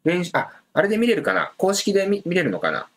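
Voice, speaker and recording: Chatty guy w/ ish on a livestream, pitch bouncing all over, lots of filler words. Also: huge pitch swings, fast talker. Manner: chatty, muses aloud with many fillers, reads viewer comments. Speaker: livestream host previewing a soccer match. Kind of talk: casual live-stream chat.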